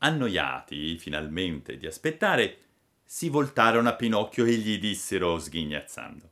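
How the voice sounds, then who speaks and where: Lively, bright-voiced man reading a storybook. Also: low voice, unhurried. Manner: expressive, dramatic narration. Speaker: narrator.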